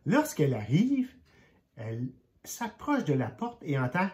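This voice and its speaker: An older grandfather reads a picture book aloud to children. His voice sits a little high and moves expressively, and he drops to a hush for suspenseful moments. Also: huge pitch swings, measured pace. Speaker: grandfather storyteller.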